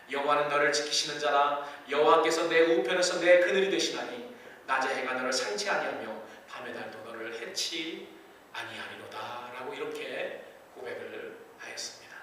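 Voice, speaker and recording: A man preaching a sermon as pastor, swinging from soft, low passages to loud, high-pitched pleading. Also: a little hiss or hum. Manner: dramatic swings between soft and loud delivery. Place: church sanctuary. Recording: echoey church hall, mic at a distance.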